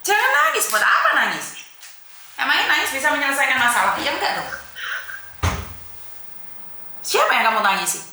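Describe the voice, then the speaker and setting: A woman's voice: high-pitched, sing-song, fast talker, roomy sound, noisy background. A woman hosting a call-in advice show, lecturing the caller bluntly and firmly. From Indonesia. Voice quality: scolding, firm, mixes in Javanese words. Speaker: advice host.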